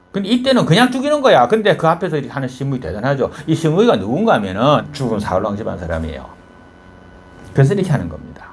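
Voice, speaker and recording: A male pastor with a Gyeongsang Korean accent and a fairly high-pitched voice tells a Bible story during his sermon, firing rhetorical questions at the congregation.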